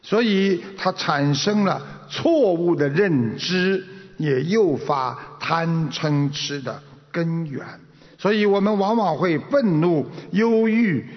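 A man giving a Buddhist sermon to a seated audience, telling stories, acting out the quotes and chuckling. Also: on the high side. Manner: storytelling, acts out quotes, chuckles. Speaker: Buddhist master. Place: lecture hall with audience. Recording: dull recording in an echoey hall.

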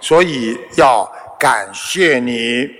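Male preacher quoting a grateful man, plain and slow. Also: medium pitch, expressive, a bit bright, in a large hall, a little hiss or hum, pitched below the performer's own voice. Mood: explaining.

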